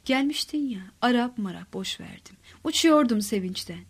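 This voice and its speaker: A giddy, lovestruck grown woman, voiced by a female reader, talks breathlessly and a touch louder than the narration. It is a storybook character read by one narrator. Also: on the high side, lively intonation, moderate pace, husky.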